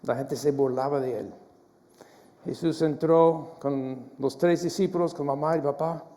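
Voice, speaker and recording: A man's voice: on the high side, a little slow, dark tone. Man preaching in an echoing church hall. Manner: earnest, with frequent restarts and repeated words. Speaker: pastor. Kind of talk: sermon.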